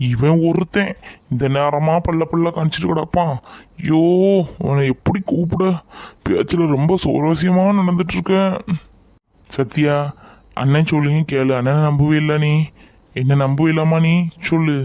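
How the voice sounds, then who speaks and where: A man acts out a worried older brother who keeps pleading and reassuring his sister in a homemade family skit. His voice sits a little high and anxious. The sound is close and dry, with no room echo. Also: steady tone, normal speed, darkish tone, lightly acted. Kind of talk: amateur family skit acting.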